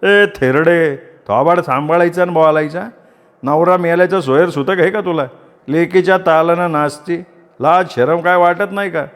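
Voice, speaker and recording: A man's voice: fairly high pitch, normal speed, a bit bright, in a large hall, pitched above the performer's own voice. A man voicing a drunken, boastful rural bully who taunts and threatens in coarse village speech. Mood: threatening.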